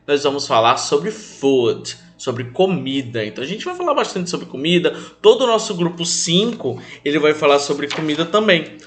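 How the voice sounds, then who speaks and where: A young Brazilian man teaching English to children online, calling his pupils affectionate names and drilling new words slowly for them to repeat. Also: on the high side, a bit bright. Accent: Brazilian Portuguese. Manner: affectionate, calls pupils "meus amores", speaks of himself as "tio".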